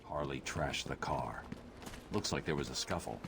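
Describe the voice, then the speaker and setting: A grim masked detective, extremely deep and clipped, muttering terse observations. Loud noise hisses beneath the game audio. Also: male voice, moderate pace, creaky. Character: grim, gravel-voiced masked male detective hero.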